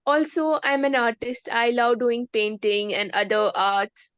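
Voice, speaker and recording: A woman's voice: a little high, fairly even intonation, a little slow, fairly bright tone, clear, resonant tone, dry recording. A young woman in her late teens from Kashmir with an Indian accent, a student earnestly and hesitantly asking for advice on an online call. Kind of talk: asking a question in an online session. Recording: dry, dull online call audio.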